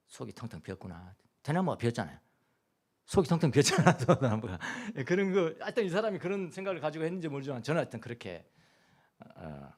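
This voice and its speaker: A man delivers a Sunday sermon from a church pulpit, his pitch rising and falling widely. He shifts from loud, exclamatory bursts to quiet murmurs, repeats phrases for emphasis, and slips in humorous asides. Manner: animated, swings from loud exclamations to soft murmurs. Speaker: pastor. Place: church sanctuary.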